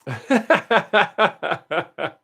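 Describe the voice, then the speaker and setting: A man's voice: high-pitched, very animated, extremely slow, creaky, sharp tone. A man in his late fifties hosting a casual livestream, chatting upbeat with viewers and answering them by name. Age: 50s. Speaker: livestream host. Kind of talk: casual chat with live viewers.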